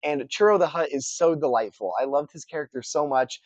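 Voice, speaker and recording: In his casual book review vlog, a man's rather high voice sounds stuffed up and nasal. He goes briskly through the books he read, relaxed and chatty with lots of fillers and restarts, and there's no room sound.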